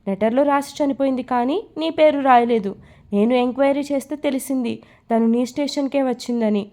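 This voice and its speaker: A woman doing a defiant young man, indignant, protesting, storybook reading, slightly high. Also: brisk, mellow, natural voice.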